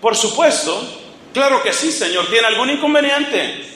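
A man doing an officious schoolteacher, curt and threatening, in a bright, high voice. The echo of a roomy space hangs on every line, as the preacher puts the teacher on mid-sermon. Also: lively intonation, unhurried, a little hiss or hum, exaggerated voice. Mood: stern. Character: stern, officious female schoolteacher.

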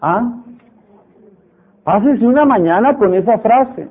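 An animated man delivers a sermon, repeating phrases and acting out stubborn voices. His voice sits high and sounds husky. It comes through a narrow, tinny radio broadcast. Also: slow pace. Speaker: preacher.

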